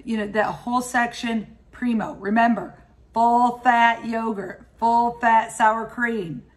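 A woman's voice: fairly high pitch, steady tone, takes it slowly. A woman in her fifties, a cooking vlogger, chatting enthusiastically to the camera as she gives practical grocery and recipe tips. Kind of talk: casual shopping and cooking walkthrough. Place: indoors at home and in a grocery store.

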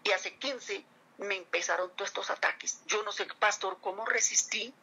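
A middle-aged woman pours out a personal religious testimony to a pastor, earnest and emotional, turning back to him often. Her voice is bright and sharp-edged, with a husky rasp and a gravelly fry at the ends of phrases. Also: mid-range voice, moderate pace, dull audio. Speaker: church member giving testimony to a pastor.

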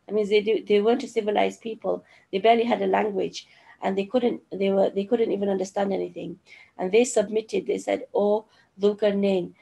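A middle-aged woman teaching a Quran lesson over a video call, explaining slowly with many fillers and restarts. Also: medium pitch, a little mellow.

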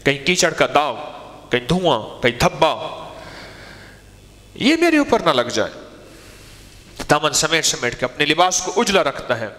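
A man's voice: on the high side, pauses often, in a large hall. A man preaching a sermon, telling a story and acting out what people in it say. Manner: animated storyteller, acts out quoted speech.

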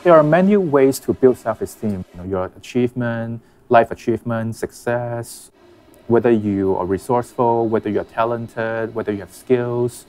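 A man giving a measured, explanatory answer in a documentary interview. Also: mid-range voice, a little mellow. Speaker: expert interviewee.

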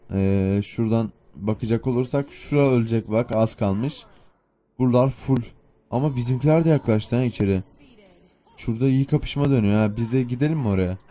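Mellow-voiced young man commenting on gameplay. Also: mid-range voice. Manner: chatty, self-mocking, muttering to himself while playing. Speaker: gaming YouTuber.

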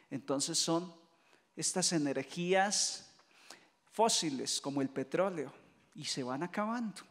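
High-voiced Colombian priest preaching in a reverberant hall. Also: male voice. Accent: Colombian Spanish. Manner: lively storytelling preacher who mimics voices and jokes. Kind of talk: retreat sermon.

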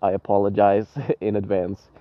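A man's voice: lowish voice, monotone, moderate pace, dry recording, narrow, tinny audio. A man who is sick with a cold giving a casual, informal vlog introduction on a city street. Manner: informal, sweary. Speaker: motovlogger. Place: outdoors on a city street beside a parked motorcycle.

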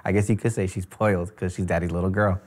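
Low-voiced soft-spoken dad. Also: male voice, level tone. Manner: soft-spoken, halting with fillers. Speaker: pageant dad. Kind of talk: reality TV interview. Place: salon interview corner. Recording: music bed underneath.

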